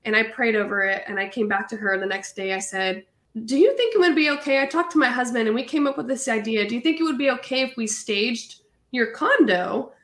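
A woman in her thirties from California, an entrepreneur guest telling her story in an animated, chatty way. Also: on the high side, fairly quick, reverberant. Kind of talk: casual interview storytelling.

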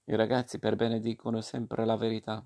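A man's voice: lowish voice, completely flat delivery, a little fast, gravelly, dark tone. A man reading aloud and voicing a kind but stern fairy who patiently lectures a puppet boy. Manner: admonishing, patient.

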